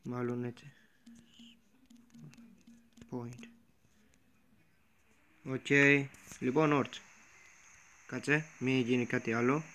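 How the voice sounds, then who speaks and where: A young man giving let's-play commentary on a game. He swings between quiet muttering and panicked, sweary yelling. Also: mid-range voice, fairly even intonation, pauses often, a little hiss or hum. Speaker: gamer.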